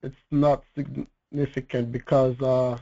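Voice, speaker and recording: A man's voice: mid-range voice, flat delivery, slow pace, vocal fry, warm tone, dull audio. A male student answering a question in class, hesitant and unsure.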